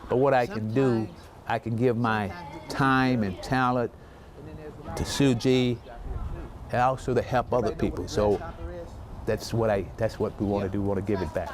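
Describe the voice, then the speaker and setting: An older retired man being interviewed outdoors, talking in a reflective, halting way with restarts. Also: fairly low pitch, fairly even intonation, crowd noise. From United States. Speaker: retired volunteer English teacher. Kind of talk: documentary interview.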